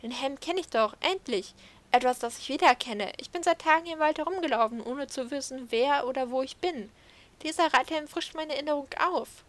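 A woman's voice: sits high, fairly quick, a bit bright, voice pushed up. A woman reading aloud the lines of a lost male spirit horse from a game, solemn and dreamy.

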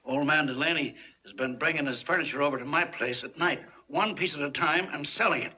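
An actor playing a shy, deaf older man who runs a secondhand furniture store, in sheepish, halting 1940s film acting. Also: on the high side, sharp tone, poor audio. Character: deaf old man, shy but friendly. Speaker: neighbor running a secondhand furniture shop.

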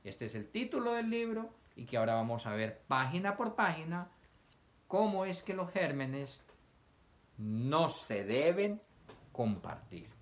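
A man's voice: a little high, sing-song, unhurried. A man teaching young children, reading a picture book aloud, asking them questions and acting out sneezes and coughs.

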